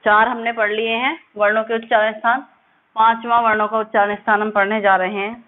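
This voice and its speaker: Woman teacher, higher voice, slow sound drills, asks and answers her own questions; tinny audio. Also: little pitch movement. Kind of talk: classroom lesson.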